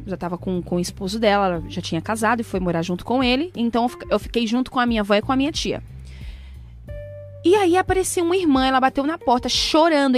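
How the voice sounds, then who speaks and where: Woman guest, lively emotional storyteller, slightly high voice. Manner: emotional, animated testimony with quoted prayers. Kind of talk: casual storytelling.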